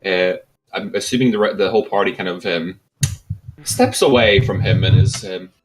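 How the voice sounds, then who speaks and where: A man's voice: low-pitched, moderate pace, a little hiss or hum, poor audio. A man narrating as game master in a tabletop game, hesitant, with many ums and easy laughs. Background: faint background music.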